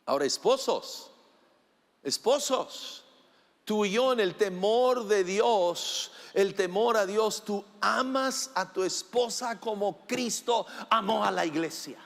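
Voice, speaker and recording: A man preaching a sermon as pastor, speaking straight to the congregation, with playful teasing asides and swings from loud to hushed. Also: sits high, measured pace, gravelly, few pauses. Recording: long hall reverb.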